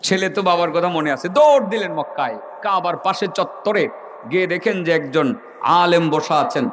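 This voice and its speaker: A man's voice: high-pitched, expressive, moderate pace, fairly bright tone. A male preacher, telling a story in a sermon, acting out the voices and asking the crowd questions. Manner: dramatic, acts out voices in the story, addresses the crowd directly.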